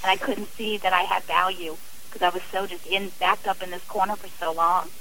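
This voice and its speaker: This middle-aged woman's voice is lowish, steady and sharp in tone, and fairly quick as she talks earnestly about her personal experience as a radio interview guest. She often begins sentences again, and the rough recording carries a little hiss or hum.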